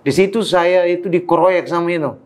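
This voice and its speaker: A man from Timor tells his life story as a guest in a casual interview, a preacher who slips into voices for the people he quotes and laughs along the way. His voice sits a little high for a man. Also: a little fast. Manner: animated storyteller who acts out quoted dialogue and laughs often.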